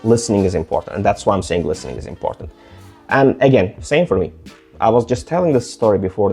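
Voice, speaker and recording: A young Azerbaijani man, a language-learning vlogger, gives casual advice to camera in English with a mostly American accent tinged with British. His fairly low voice is warm, dark and a little breathy, and he rambles with lots of "like" fillers and restarts. Faint soft music plays underneath.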